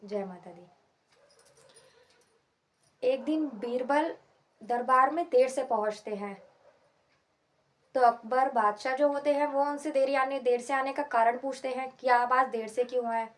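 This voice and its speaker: High-voiced woman telling a folk tale. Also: measured pace, pauses often. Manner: simple, repetitive retelling. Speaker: storyteller and channel host. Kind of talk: spoken folk tale narration.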